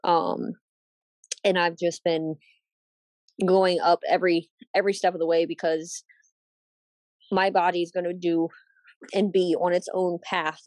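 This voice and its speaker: Woman, coaching client, casual chat, reflective, halting, lowish voice, dry close sound. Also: darkish tone, dry recording. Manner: reflective, halting, frequent "um" and repeated starts. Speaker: coaching client and guest host.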